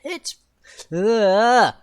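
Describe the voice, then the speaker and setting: A woman voicing a young female spirit medium in a witch voice, high and singsong, reading a visual novel aloud with voices over loud game music. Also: big pitch swings, drawn-out words. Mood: mystical.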